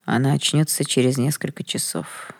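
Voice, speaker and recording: A woman voicing a hoarse dying dragon lord. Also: very deep voice, fairly even intonation, moderate pace, a little mellow, no echo, clean studio sound, full character voice. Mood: grim. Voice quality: hoarse, rasping. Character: dying old male dragon lord, grim and fierce.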